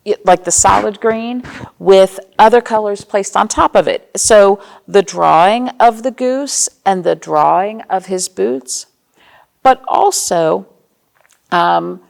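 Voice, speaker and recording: An American woman, a children's librarian, hosts storytime for young kids, reading aloud expressively and explaining things simply while asking her listeners questions. Her voice is medium-pitched and gravelly.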